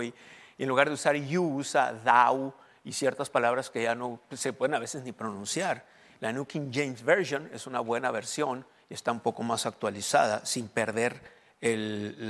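A male pastor preaching in a church hall, quizzing the congregation as he goes and slipping between Spanish and English. His voice sits at an everyday middle pitch and carries a long, lingering reverb from the room. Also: a bit bright. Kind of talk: sermon.

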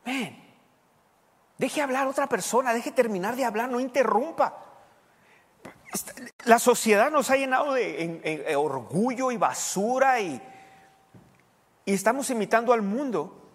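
Animated high-voiced male pastor preaching. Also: measured pace, long pauses, breathy edge, big-room sound. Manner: animated preaching, swings from loud emphatic to quiet asides; code-switches English words into speech. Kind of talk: sermon.

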